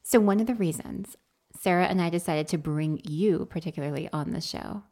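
A young woman co-hosting a podcast, telling stories in casual chat and acting out quoted lines with lively voices. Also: on the low side, moderate pace. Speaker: podcast co-host.

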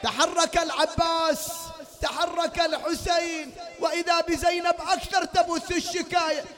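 Very high-voiced man chanting a lament. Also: little pitch movement, moderate pace, big-room sound. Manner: swings between spoken narration, wailing chant and shouted outbursts. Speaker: mourning reciter. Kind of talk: lamenting sermon with chanted verses. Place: mourning hall before a gathering.

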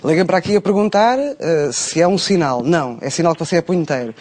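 Comic radio agony aunt, played by a man: brash, theatrical, European Portuguese accent, voice set high. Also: animated, fast talker, a little mellow. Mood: mocking. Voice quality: blunt, mocking, theatrical. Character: brash middle-aged agony aunt woman. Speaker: radio advice host.

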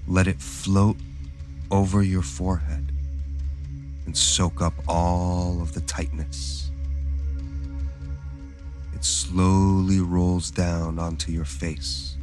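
Deep soft-spoken guy doing a calm guided meditation, really unhurried, music behind him. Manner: soft, calm, soothing delivery.

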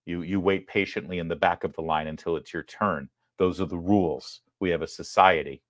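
Low-voiced sarcastic American male commentator. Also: fairly even intonation, fairly quick, a bit bright, no room sound. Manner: sarcastic, emphatic. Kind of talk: political commentary.

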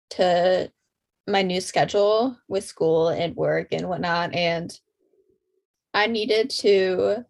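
A young woman co-hosts a podcast in a casual, conversational style. Her voice sits at a middle pitch for a woman. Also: vocal fry. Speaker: podcast co-host.

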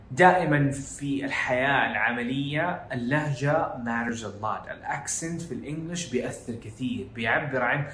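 Slightly high and fairly bright, the voice belongs to a Saudi podcast host from Jeddah whose Hejazi Arabic slides into English phrases. The show is casual and educational. It's recorded in an echoey room with a little hiss or hum.

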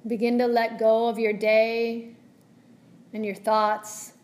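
Guiding a meditation, a yoga teacher speaks soothingly and gently, spacing her measured phrases with long pauses. Her voice is somewhat high and stays monotone.

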